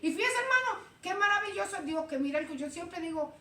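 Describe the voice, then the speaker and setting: A woman preaching an informal sermon, lively, acting out Bible voices and calling the listeners "brother". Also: extremely high pitch, fast talker. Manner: animated, acts out Bible voices, calls listeners "hermano". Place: church. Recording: echoey room, heard from a distance.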